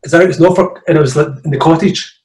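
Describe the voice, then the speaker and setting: A man's voice: fairly high pitch, steady tone, racing, darkish tone, echoey room, poor audio. A man with a Glaswegian accent asking a question over a video call, hesitant with many fillers. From Scotland. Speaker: audience member asking a question. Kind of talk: casual chat.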